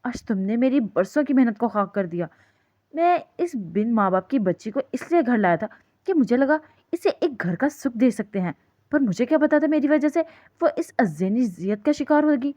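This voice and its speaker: A woman's voice: fairly high pitch, lively intonation, mellow. A woman playing a wounded reproachful father. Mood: worried, reproachful. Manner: pleading, reproachful. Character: worried father, gentle but wounded and reproachful.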